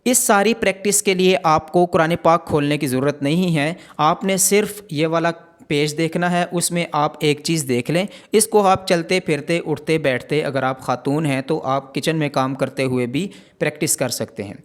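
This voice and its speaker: A man teaching Quran reading in a step-by-step pronunciation lesson, with a Pakistani Urdu accent, slowly repeating letter sounds for drill. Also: on the high side.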